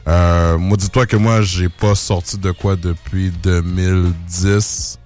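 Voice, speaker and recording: Deep-voiced Québécois rapper in his forties. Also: level tone, takes it slowly, darkish tone, soft background music. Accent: Québécois French. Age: 40s. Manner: laid-back, mixes in English slang. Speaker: rapper guest. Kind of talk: casual interview chat.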